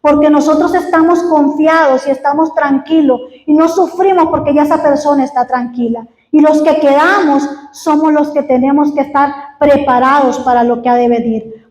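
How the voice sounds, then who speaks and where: A middle-aged woman giving an earnest testimony as a sermon, halting and restarting often. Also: high-pitched, a little mellow, reverberant, low-quality recording. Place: church hall.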